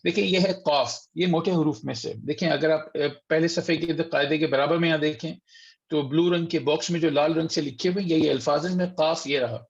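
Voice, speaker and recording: A man teaching a Quran recitation class online, patiently sounding out letters slowly and repeating them for students. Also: fairly high pitch, steady tone, creaky, highs cut off. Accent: Urdu-speaking. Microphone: computer mic on a video call.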